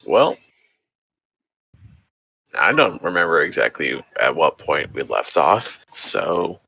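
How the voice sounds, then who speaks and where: A man's voice: extremely low pitch, big pitch swings, slow pace, vocal fry, bright, forceful tone, poor audio. A man running a tabletop game with an easygoing, joking manner. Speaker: game master.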